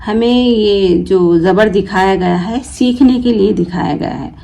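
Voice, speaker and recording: A woman's voice: mid-range voice, a little slow, gravelly, dark tone, poor audio. A woman teaching a reading lesson, who patiently sounds out letters and asks questions that she then answers herself. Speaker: Urdu teacher.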